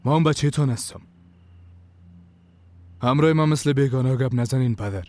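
A man voicing a troubled grown son, pressing his father in earnest. His voice sits at a middling pitch, and the tone is plain and direct. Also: a little mellow, close to an everyday voice. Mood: pleading. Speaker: dubbing actor. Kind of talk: dubbed TV drama.

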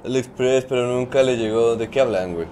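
A man's voice: medium pitch, fairly quick, warm tone, slight background noise. A young man with a Mexican accent, chatting casually and joking while reading his stream chat aloud. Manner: joking banter, reads chat aloud, slangy.

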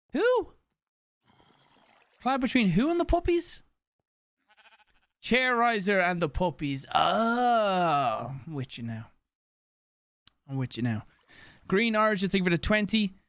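A young man livestreaming from a small home room into a studio mic, reading out donor names and thanking them in a quick, loose patter. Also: sits high, expressive, a bit bright, no room sound. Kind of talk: casual stream chat reading donations. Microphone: studio mic on boom, headphones on.

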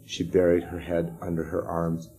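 Low-voiced man reading a storybook. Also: little pitch movement, normal speed, warm tone, poor audio. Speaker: reader for sixth graders. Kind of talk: reading a children's chapter book aloud.

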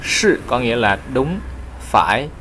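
A man with a Vietnamese accent teaching Chinese, explaining characters and leading slow, clear repetition drills. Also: mid-range voice, sing-song, fairly bright tone, a little hiss or hum. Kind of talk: language lesson with read-aloud drills.

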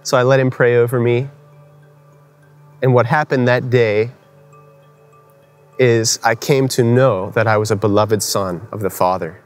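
A man's voice: mid-range voice, steady tone, measured pace, pauses often, faint music behind. A young man giving an earnest personal faith testimony at a conference, telling his story conversationally with frequent fillers. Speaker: conference speaker.

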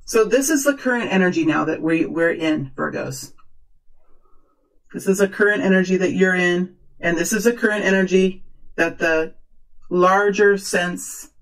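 A woman speaking as a fortune teller, improvising a tarot reading in earnest, halting, repeated short phrases. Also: on the low side, rough recording. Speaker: tarot reader, host.

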